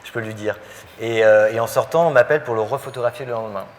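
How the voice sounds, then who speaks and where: A man's voice: mid-range voice, fast talker, a little hiss or hum. A male photographer answering questions in a public interview, speaking with many fillers and restarts. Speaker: photographer guest. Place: live public interview before an audience.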